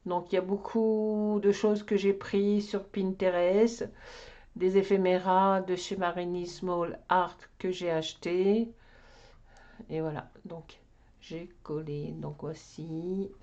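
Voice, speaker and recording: A woman's voice: lowish voice, level tone, slow, dark tone, muffled recording. A woman giving a casual show-and-tell of her coloring books, rambling and talking to herself as she searches for things. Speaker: craft vlogger.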